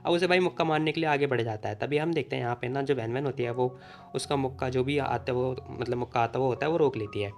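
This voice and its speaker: A man's voice: mid-range voice, darkish tone. A young man casually narrating a comic recap in a chatty way, full of fillers. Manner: chatty, fast, many fillers. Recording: faint background music.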